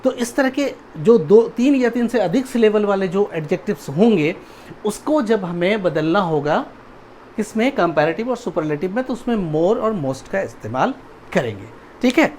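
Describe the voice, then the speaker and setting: A man's voice: sits high, big pitch swings, normal speed, a little mellow, a little hiss or hum. A male teacher giving a grammar video lecture, spelling words out letter by letter and often asking whether the class has understood. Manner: keeps checking understanding with "ठीक है" and "समझ में आया?".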